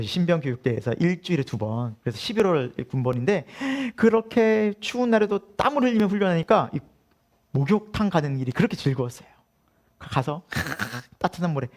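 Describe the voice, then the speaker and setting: A middle-aged male pastor delivers a sermon, laughing as he tells a story and acting out quotes by shouting them. His voice sits a little high.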